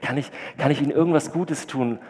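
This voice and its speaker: A man's voice: a little fast, long reverb tail, close to an everyday voice. A man crying out as a frantic mother. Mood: grateful. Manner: high frantic cries, then soft thanks. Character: panicked young mother, grateful and kind.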